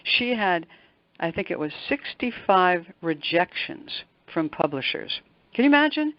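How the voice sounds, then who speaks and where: Sing-song and a little slow, this older woman's lowish voice carries conversational interview answers given as a motivational coach. She is an executive coach and motivational speaker appearing as a guest, stressing points emphatically by repeating words. Dry, dull-sounding recording.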